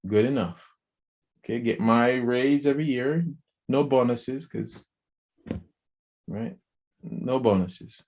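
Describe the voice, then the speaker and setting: A man co-hosting a podcast, talking in a casual, animated way, often restarting and repeating words and acting out quoted speech. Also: mid-range voice, slow, pauses often. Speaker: podcast co-host.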